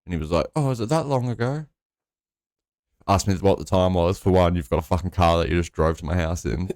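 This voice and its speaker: Deep-voiced sweary man. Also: level tone, fast, darkish tone, dry recording, clean studio sound. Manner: sweary, rambling, laid-back. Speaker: podcast co-host. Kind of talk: casual storytelling chat.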